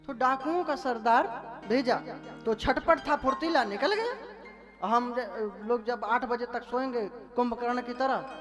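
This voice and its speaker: Man preaching a lively devotional sermon. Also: very high voice, measured pace, over music. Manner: lively, folksy, asks the audience questions. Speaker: scripture storyteller. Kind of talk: devotional sermon with story-telling.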